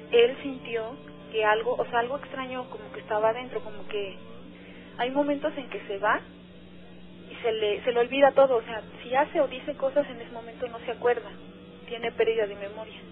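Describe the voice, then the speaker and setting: A woman's voice: a little high, normal speed, slight background noise. A woman with a Mexican accent, calling in to a radio show and telling her story in an earnest, hesitant way, with many filler words. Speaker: radio caller. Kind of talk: phone-in conversation. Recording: tinny phone line, faint music.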